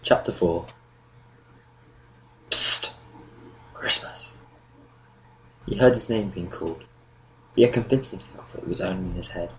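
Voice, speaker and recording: A man reading an audiobook novel in steady, measured narration. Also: sits low, a little hiss or hum, rough recording. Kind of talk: scripted narration.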